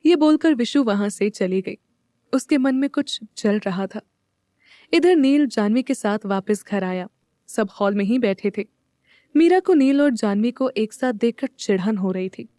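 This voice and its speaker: A woman's voice: fairly high pitch, animated, a little slow, mellow, dry recording, clean studio sound. A woman narrating a scripted audio drama, reading all the parts herself.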